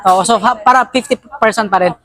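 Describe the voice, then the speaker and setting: A woman's voice: fairly high pitch, a little fast, fairly bright tone. A woman with a Filipino accent, chatty and upbeat, walking viewers through a warehouse sale in a vlog. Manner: upbeat, chatty, frequent tag questions. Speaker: vlogger touring a store sale. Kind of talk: walk-through shopping vlog. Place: large indoor warehouse store.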